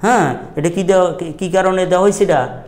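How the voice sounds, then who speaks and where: A man's voice: high voice, a little fast, a little mellow. A middle-aged man, teaching a grammar lesson at a madrasa and quizzing his students with repeated questions.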